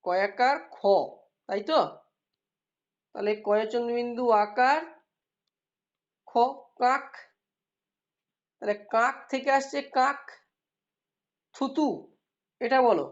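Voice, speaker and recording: A woman teacher leads a classroom lesson, explaining patiently and quizzing her students as she goes. Her voice sits a little high. The recording is dull and lo-fi. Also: slow, pauses often. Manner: explains patiently, asks students questions and praises answers.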